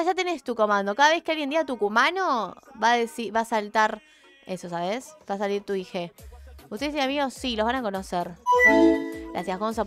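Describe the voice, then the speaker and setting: A young woman with an Argentine Spanish accent chats away on a livestream, her voice sitting a little high. She rambles, jokes and teases herself in loose slang, with faint music playing underneath. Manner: rambling, joking and self-deprecating, slangy. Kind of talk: casual live-stream chat.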